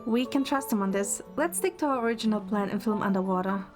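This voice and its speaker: This is the narrator of an audio drama, a woman who also plays the young producer heroine, delivering scripted first-person narration and lines. Her pitch is medium and she talks fast, with music underneath.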